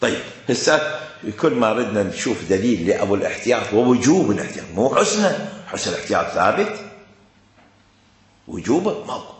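A man's voice: mid-range voice, fairly bright tone. A man with an Iraqi accent giving a classroom lecture, driving his points home by repeating them and asking rhetorical questions. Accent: Iraqi Arabic. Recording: very echoey room.

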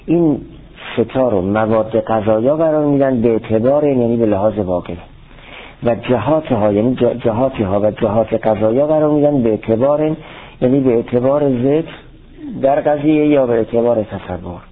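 A man giving a lecture that reads aloud a classical Arabic text and explains it line by line. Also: medium pitch. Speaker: teacher of theology and logic. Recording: tinny phone-like recording.

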